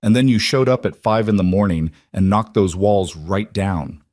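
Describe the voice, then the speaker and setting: Gentle single-dad groom for a spoken story, a man reading, low-pitched, dry, sincere. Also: normal speed, no echo, close to an everyday voice. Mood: tender. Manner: warm, earnest. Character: gentle, guarded single dad making vows.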